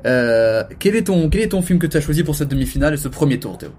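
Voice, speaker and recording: A man hosting a casual podcast, moderating the discussion in a relaxed, teasing way. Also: a little high, quick pace, very noisy. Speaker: podcast host.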